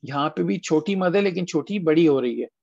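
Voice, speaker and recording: High gravelly-voiced male tajweed teacher, patient, dull lo-fi call sound. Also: expressive, a little mellow, no echo. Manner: patient, asks students questions, drawn-out model words. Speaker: Quran recitation teacher. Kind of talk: online tajweed class. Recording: dull lo-fi online call audio.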